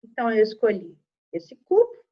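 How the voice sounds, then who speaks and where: A woman's voice: on the high side, huge pitch swings, moderate pace, muffled recording. A woman teacher with a Brazilian Portuguese accent giving a patient, step-by-step math lesson to children, checking in after each point.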